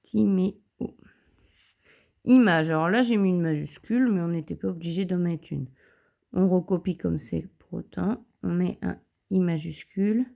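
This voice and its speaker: A woman teacher giving a slow handwriting lesson to young pupils, counting each stroke aloud, filmed on her phone at a desk. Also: lowish voice, gravelly, warm tone. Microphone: phone camera.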